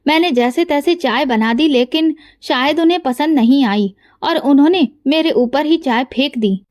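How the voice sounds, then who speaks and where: A scared young girl speaking tearfully and pleadingly to her mother, as a woman narrator voices her. The voice is high and close, with a dry sound, in a storybook tale. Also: normal speed, dry recording, natural voice.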